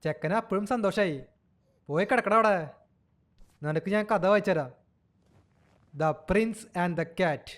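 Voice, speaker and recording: A man's voice: sits high, a little slow, pauses often, fairly bright tone. A young man giving playful game commentary, teasing and cooing at an in-game baby as if it were a child. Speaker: gaming channel host.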